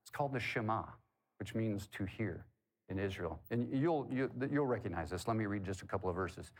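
A man's voice: on the low side, lively intonation, a little fast. A man preaching a sermon in a conversational way, asking the congregation questions and tossing in corny jokes. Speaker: pastor.

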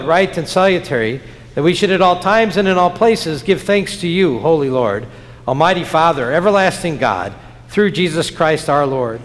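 Male pastor, fairly high voice, solemn chanted prayer cadence, long cathedral echo in a big chapel. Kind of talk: liturgical prayer. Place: large church chapel. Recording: long church reverb.

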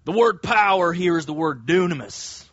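A man plays a bombastic evangelical preacher, declaiming with great emphasis. The pitch sits high, and the sound is dry and slightly muffled. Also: lively intonation, moderate pace, a bit bright, husky, no room sound, heavily acted. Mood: bombastic, fervent. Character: bombastic evangelical preacher proclaiming explosive power.

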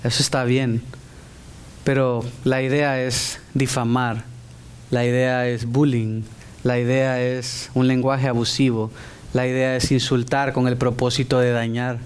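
A middle-aged man preaching a sermon in an animated way, acting out the voices he quotes. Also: medium pitch, a little slow, clear, resonant tone.

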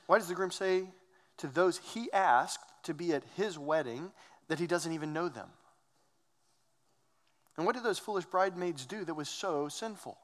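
A man's voice: high voice, expressive, normal speed, long reverb tail. A man preaching a sermon, earnest and emphatic, asking rhetorical questions. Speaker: pastor.

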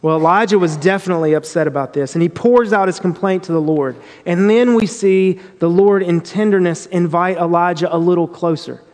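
A man with a high voice gives a devotional Bible teaching in an earnest, reflective way. He often restarts his phrases. A long reverb trails after his voice. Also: brisk, few pauses, darkish tone.

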